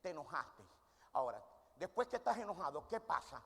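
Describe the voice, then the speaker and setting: Guy preaching in a big echoey church, high voice with some gravel, keeps asking the crowd questions. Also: sing-song, fairly quick. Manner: asks questions and answers them himself, demonstrating with volunteers. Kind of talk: sermon with audience call-and-response. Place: church hall. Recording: long hall reverb.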